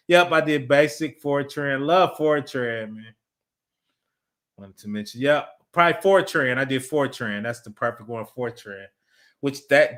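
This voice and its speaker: A man in his 50s hosts a livestream and reads viewers' super chats, speaking casually in a mid-range, fairly bright voice. He laughs often and wanders off into rambling asides.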